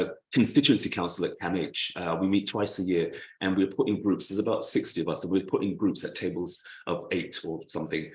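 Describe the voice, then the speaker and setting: A man's voice: deep voice, reverberant, low-quality recording. A man, a bit out of breath, introducing a guest speaker in a chatty way over a video call. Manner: chatty, laughs easily, restarts phrases.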